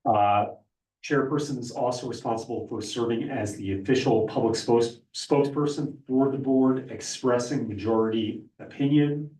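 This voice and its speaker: A man's voice: mid-range voice, moderate pace, warm tone. A man gives an informal legal training presentation to a board, speaking as its lawyer. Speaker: lawyer briefing a school board. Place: public board meeting room. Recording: echoey meeting room, far from mic.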